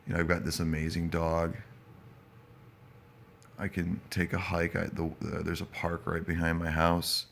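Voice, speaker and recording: A man chatting casually to live viewers in a stoned, hazy, halting, rambling manner. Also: low-pitched, completely flat delivery, creaky, fairly bright tone, a little hiss or hum. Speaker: live-streaming vlogger.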